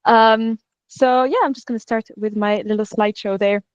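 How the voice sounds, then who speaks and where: A woman's voice: a little high, steady tone, normal speed, smooth, dry recording. A woman with an Irish accent, a program coordinator giving a friendly online presentation, explaining step by step with filler sounds. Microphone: video call. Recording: dull lo-fi video call audio.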